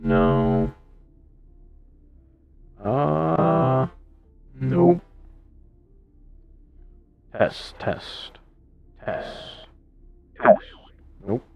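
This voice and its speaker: A man's voice: creaky, a little mellow, dull audio. A man testing a voice changer that morphs his voice, repeating short test words in casual chat. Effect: voice changer shifting his pitch up and down.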